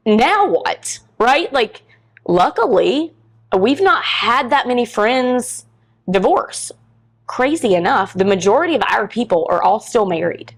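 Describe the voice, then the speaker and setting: A woman's voice: a little high, sing-song, unhurried, poor audio. A middle-aged woman, a podcast guest telling a personal story in a candid, frank way and acting out the lines of people in it. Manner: candid and frank, acts out quoted dialogue.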